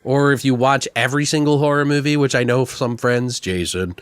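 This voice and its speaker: A man's voice: medium pitch, a little fast, clean tone, no room sound. A man co-hosting a podcast, chatting loosely about a film and swearing freely. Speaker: podcast co-host. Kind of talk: casual film review chat.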